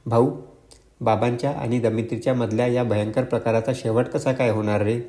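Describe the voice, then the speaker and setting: Young monk brother, soft and troubled, guy reading plain mid voice. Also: medium pitch, steady tone, a little fast, lightly acted. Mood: earnest. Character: gentle young monk son, earnest.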